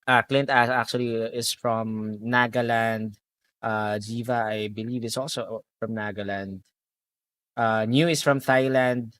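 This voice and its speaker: A man's voice: mid-range voice, steady tone, unhurried, fairly bright tone. A young man with a Filipino accent, chatting casually on a live stream and reading out viewer comments. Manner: chatty, reads viewer comments aloud, mixes in Tagalog. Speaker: game streamer.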